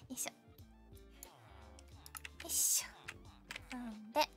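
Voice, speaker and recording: A woman's voice: very high voice, sharp tone. A young woman streaming a game, chatting and teasing her viewers in a playful, talkative way. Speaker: VTuber streamer. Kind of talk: casual game stream chat. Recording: faint music behind voice.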